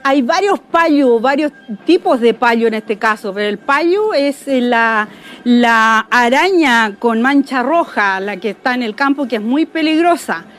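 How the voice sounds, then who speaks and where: High-voiced woman teaching words patiently. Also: lively intonation, fairly bright tone. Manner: patient, repeats each word slowly, checks with "¿ya?". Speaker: Mapuche language teacher. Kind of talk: spoken language lesson.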